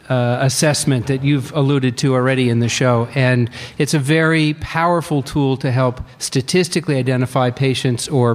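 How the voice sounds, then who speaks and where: A man, a cardiologist guest on a live radio show, talking in a measured, lightly hesitant way. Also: mid-range voice. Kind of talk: expert explanation on radio. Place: reception hall. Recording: long hall reverb from live venue.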